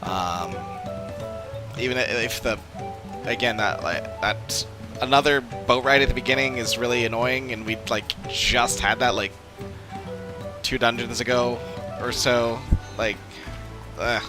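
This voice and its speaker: This streamer playing an online RPG has a medium-pitched, steady voice and speaks a little slowly. He chats off the cuff, rambling as he thinks out loud, with game music behind him.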